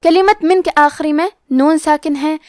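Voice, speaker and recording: A woman teaching Quran recitation rules, explaining each letter and rule slowly and carefully. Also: high-pitched, darkish tone, dry recording, studio quality. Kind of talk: tajweed lesson explanation.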